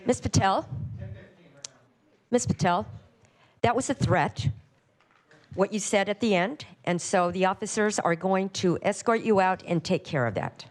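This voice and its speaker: A woman's voice: medium pitch, animated, a little slow, long pauses. A woman formally running a public council meeting as its chair.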